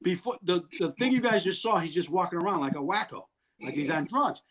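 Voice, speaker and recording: A man telling wild stories in an animated way, loudly acting out what people said and laughing often. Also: sits high, fairly quick. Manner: excitable, acts out quotes loudly, laughs often. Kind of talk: animated storytelling.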